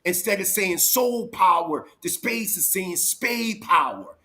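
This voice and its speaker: A man in his forties from Philadelphia with a high, ringing voice. He debates hotly, lecturing and stacking example after example with insistence. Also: lively intonation, slow pace, pushed and bright. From Philadelphia, USA. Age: 40s. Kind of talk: heated debate.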